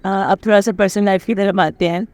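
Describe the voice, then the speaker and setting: A man's voice: high voice, fairly even intonation, brisk, a little mellow, no echo. A man interviewing a cricketer, asking short, direct questions in Urdu.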